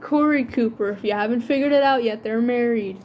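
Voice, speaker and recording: A woman's voice: fairly high pitch, fairly quick, a little mellow, slight background noise. A young woman co-hosting a casual podcast, giggly and playful, teasing her co-host back. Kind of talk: casual chat.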